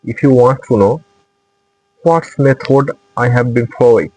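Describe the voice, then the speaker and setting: A young Bangladeshi man whose first language is Bengali hosts an English-learning channel and gives his viewers an earnest motivational talk in Bangladeshi-accented English with repetitive phrasing. His mid-range voice is mellow and at normal speed, on a low-quality recording.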